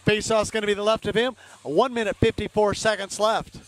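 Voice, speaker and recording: A man with a high voice and fairly even intonation speaks fairly quickly as he calls a hockey game from the stands of an indoor rink. His amateur commentary comes in clipped phrases naming players, and he openly roots for the home team.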